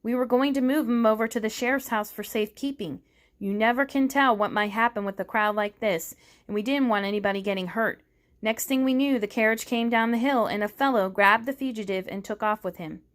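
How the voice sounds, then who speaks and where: A woman's voice: on the high side, brisk, lightly acted. A woman reading aloud, voicing a puzzled, defensive male deputy. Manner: protesting.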